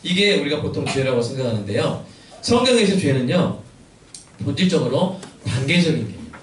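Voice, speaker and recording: In an echoey church sanctuary, a man preaching as pastor keeps posing questions to his congregation and then answering them. His voice runs on the high side and is very animated at a moderate pace. He is far from the mic, and there's slight background noise.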